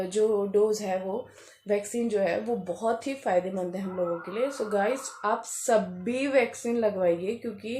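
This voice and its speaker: A woman's voice: medium pitch, mellow. A young woman from Uttarakhand chatting casually to camera as a vlogger, full of fillers and breaking into laughter as she tells a story. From Uttarakhand, India.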